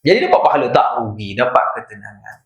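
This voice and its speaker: A man's voice: mid-range voice, animated, fast, a bit bright. A man with a Malaysian Malay accent giving an evening religious lecture, telling stories and checking in with his listeners. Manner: storytelling, rhetorical asides to listeners. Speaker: religious teacher. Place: madrasah prayer hall. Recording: echoey hall.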